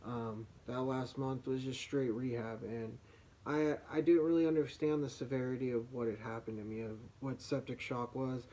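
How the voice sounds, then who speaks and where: Here a male vlogger recounts something personal, stopping and restarting often. Slightly damaged vocal cords leave his medium-pitched voice soft, and his intonation stays fairly even.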